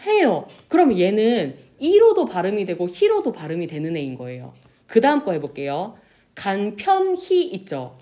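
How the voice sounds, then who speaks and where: Animated woman teacher lecturing a class. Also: fairly low pitch. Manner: lively, pronounces example words slowly and drawn out; asks the class questions and answers them herself. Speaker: Korean language teacher.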